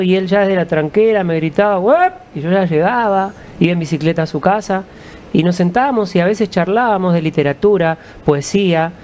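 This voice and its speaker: A man with an Argentine accent, a musician guest, answering in a calm, reflective storytelling way. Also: fairly high pitch, a little hiss or hum. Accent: Argentine Spanish.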